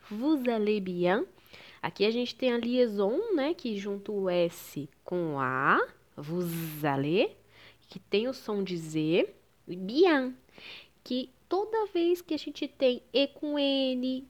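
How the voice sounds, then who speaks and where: A young woman from Brazil, with a Brazilian Portuguese accent, gives a French lesson. Her voice sits a little high, and she explains patiently while mixing in French phrases. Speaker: French teacher. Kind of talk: online language lesson.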